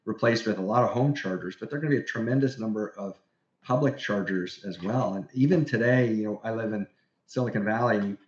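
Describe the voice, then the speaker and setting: A man with a low voice talks enthusiastically as an industry guest on a casual podcast. The sound is roomy and a little dull, as if it were recorded in an untreated room on a modest mic. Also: quick pace. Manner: enthusiastic, explanatory.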